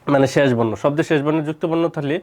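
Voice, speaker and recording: A male teacher giving an exam-prep grammar lesson, repeating each example word slowly and putting questions to his students. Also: fairly high pitch, steady tone, a little mellow.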